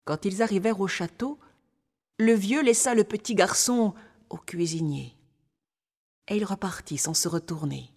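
A woman reading a fairy tale aloud in a measured, expressive way. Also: mid-range voice. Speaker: storyteller. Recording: long hall reverb.

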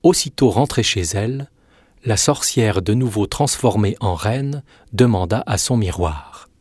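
A man narrating a fairy tale in a measured, expressive reading. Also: fairly low pitch, slightly rough, no echo, studio quality. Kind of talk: storybook narration.

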